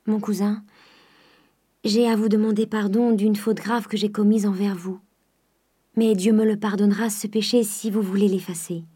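A woman voicing hushed pleading young heiress. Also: mid-range voice, normal speed, long pauses, husky, lightly acted. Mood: tender. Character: young provincial heiress, shy, devoted, pleading.

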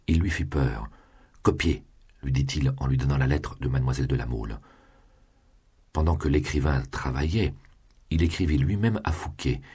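A man narrating a classic novel as an audiobook, measured and literary, with a husky voice. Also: rumbling low, a little mellow.

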